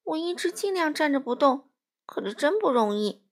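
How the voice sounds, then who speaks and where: A woman voicing a patient, gentle young male duck in a children's storybook, speaking earnestly and coaxingly. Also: sits high, sing-song, normal speed, voice pushed up.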